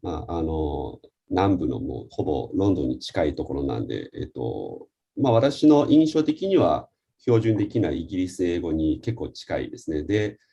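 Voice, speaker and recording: A man's voice: sits low, very animated, moderate pace, gravelly, mellow, husky, muffled recording. A man on a webinar panel answering questions about student life, with many hesitant fillers.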